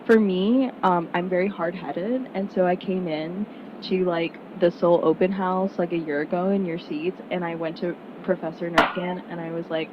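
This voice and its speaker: At a normal speed, a young woman from Miami, United States, speaks to a room of prospective students as part of an information session, earnest and chatty, with frequent "like" and "um" fillers. Her voice is slightly low for a woman. Muffled audio carries a clear, constant rumble.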